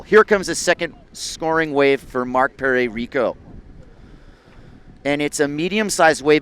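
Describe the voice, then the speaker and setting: A man's voice: mid-range voice, a bit bright. A man giving live surf competition commentary in a laid-back, conversational surfer-announcer way.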